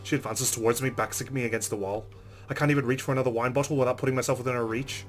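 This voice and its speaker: A man hosts a let's play, reading visual novel narration aloud and tossing in casual asides. His voice is medium-pitched with fairly even intonation, and he talks at a rapid-fire clip. It's a recorded voice-over with faint game music playing behind him.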